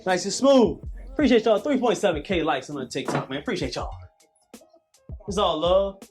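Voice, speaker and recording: A man's voice: sits high, animated, normal speed, faint music behind. A man in his late thirties coaching a calisthenics workout with emphatic, preachy, repetitive cues. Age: 30s. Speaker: fitness coach.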